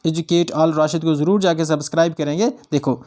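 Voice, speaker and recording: High-voiced man teaching a grammar lesson. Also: fairly even intonation, brisk, a little mellow. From Jammu and Kashmir. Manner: asks students frequent check questions; repeats definitions for memorizing. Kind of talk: exam-prep grammar lesson. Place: online class channel.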